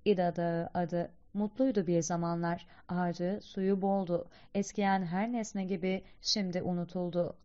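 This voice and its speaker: A woman voicing a wise old male guide poet who speaks gravely and instructively. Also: fairly low pitch, steady tone, unhurried, hardly any pauses, dark tone, lightly acted. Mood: calm. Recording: slightly dull lo-fi recording.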